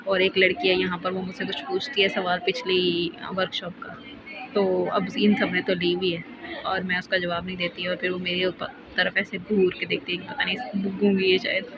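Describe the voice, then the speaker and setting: A woman's voice: fairly low pitch, completely flat delivery, moderate pace, over music. A young woman, telling a rambling storytime in a casual vlog. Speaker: vlogger. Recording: muffled phone audio with noise.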